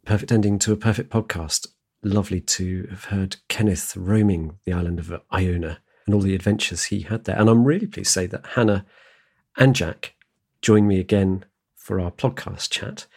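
Male podcast host, lowish pitch, husky tone, casual conversational delivery. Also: moderate pace, a little mellow. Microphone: remote virtual studio recording.

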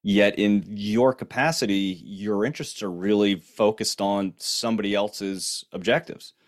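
Male host with a lowish voice, playful interviewer who restarts his sentences a lot. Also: steady tone, measured pace. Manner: playful, with frequent restarts and fillers. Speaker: podcast host. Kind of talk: conversational interview.

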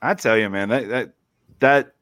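A man co-hosting a casual sports podcast, jokey and lively. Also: mid-range voice, moderate pace, no echo. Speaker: podcast co-host.

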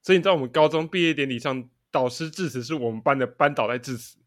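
Speaking fast at a medium pitch, this young male podcast co-host chats casually. He tells stories and keeps breaking into laughter in the middle of sentences.

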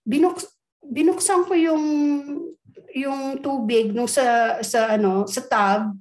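Woman chatting about a spooky hotel night, lively storyteller, slightly high voice, does the voices of people she quotes. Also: takes it slowly. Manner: animated, acts out quoted dialogue with voices. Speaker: guest telling a ghost story. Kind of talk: casual storytelling.

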